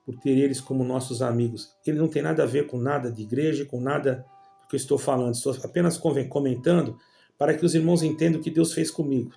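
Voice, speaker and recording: A man's voice: mid-range voice, creaky, mellow. A Brazilian man with a Brazilian Portuguese accent telling a religious personal testimony, calling his listeners brothers in a rambling storytelling way. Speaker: church member giving testimony.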